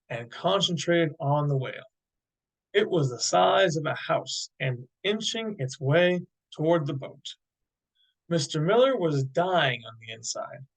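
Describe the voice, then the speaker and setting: A man reading aloud a chapter of his own novel in steady storytelling narration. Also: on the high side, low-quality recording. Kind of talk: audiobook narration.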